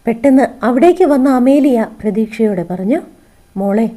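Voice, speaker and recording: Mellow-voiced woman reading a story. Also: on the high side, a little fast. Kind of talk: narrating a romance novel serial.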